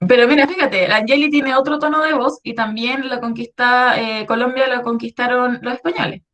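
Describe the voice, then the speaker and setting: Speaking fairly quickly in a fairly high, steady voice that's a bit bright, a teacher with a Chilean Spanish accent walks schoolchildren through a history lesson online. She's patient and keeps checking they follow, dropping in "¿ya?" again and again.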